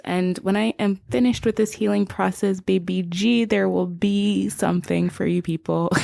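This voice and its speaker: A woman's voice: lowish voice, vocal fry, a little mellow, no room sound. A woman in her late twenties from Zimbabwe with an American accent, hosting a casual solo podcast in a rambling, chatty, giggly way full of "like"s. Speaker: podcast host.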